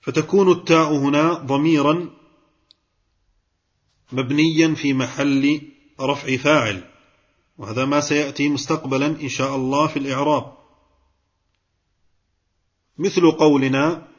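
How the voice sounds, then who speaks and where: A man's voice: on the high side, fairly even intonation, normal speed, long pauses, slightly rough, highs cut off. A man teaching Arabic grammar in a class, explaining step by step, asking questions and praising students' answers.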